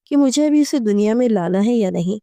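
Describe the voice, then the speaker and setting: A woman's voice: a little high, expressive, dark tone, no room sound. A woman voicing a cruel, hot-tempered young husband who scolds harshly, in a dry audio story. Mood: furious.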